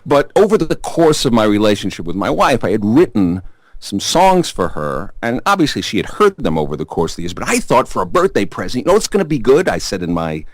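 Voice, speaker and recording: Chatty New York man, low voice. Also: big pitch swings, no room sound. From Staten Island, New York. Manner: rambling, chatty, many "uh" pauses and restarts. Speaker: musician guest. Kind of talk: casual interview storytelling.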